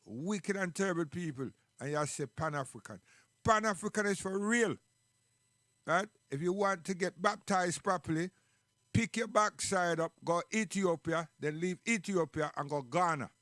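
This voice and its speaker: High-pitched Caribbean man in Rasta speech. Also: moderate pace, a bit bright, dry recording, studio quality. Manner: Rastafarian speech, emphatic rhetorical questions. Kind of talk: casual chat and commentary.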